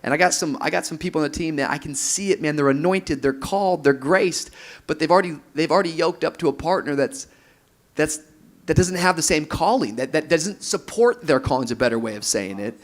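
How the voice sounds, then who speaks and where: On a conference stage panel in a large room with an audience, a pastor in his thirties speaks with energy in an expressive, rather high voice at a fairly quick pace. He laughs as he mimics couples.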